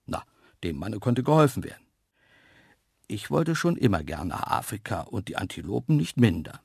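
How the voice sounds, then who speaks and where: A man narrating a children's story in the first person, lively and playful, with hushed asides. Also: on the low side, moderate pace, creaky, slightly rough, dry recording, clean studio sound. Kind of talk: storybook reading.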